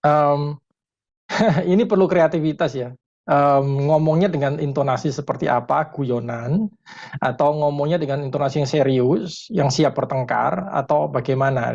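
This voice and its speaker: A man, a parenting educator, answering a question in a webinar consultation, thoughtful and pausing often with fillers, mixing in English terms. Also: a little high, vocal fry, darkish tone, highs cut off. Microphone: video call.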